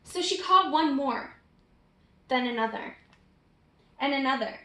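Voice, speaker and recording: Bright and forceful, this high-pitched woman's voice moves at a measured pace with lively intonation as she reads a picture book expressively to young kids. She involves her listeners by prompting them with questions, all in an echoey room.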